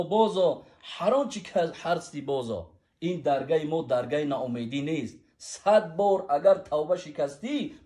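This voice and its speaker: A man's voice: on the high side, dark tone. A man with a Tajik accent preaching a sermon, reciting verses and Arabic quotes in a rhythmic, swelling delivery.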